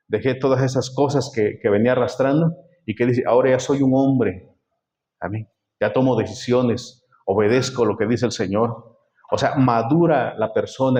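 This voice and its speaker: A man's voice: medium pitch, darkish tone, dull audio. A man preaching a sermon in a church, often turning to the congregation with rhetorical questions. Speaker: pastor.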